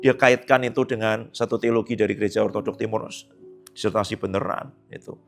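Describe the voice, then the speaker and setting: A male pastor gives a casual, conversational sermon in a church service. He sounds chatty and teasing, and often drops into hushed asides. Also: on the low side, fairly even intonation, a little fast, gravelly, faint music behind.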